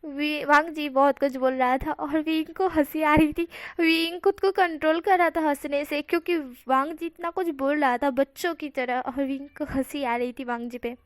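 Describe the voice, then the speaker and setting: A woman's voice: high-pitched, steady tone, normal speed, hardly any pauses, dry recording. A woman casually telling a fan-fiction story, dropping English words into her narration. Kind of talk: reading fan fiction aloud.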